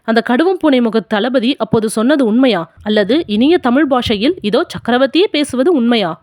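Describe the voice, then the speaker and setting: A woman narrating a historical novel as an audiobook in a steady, clear reading style. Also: fairly high pitch, moderate pace, dry recording, studio quality.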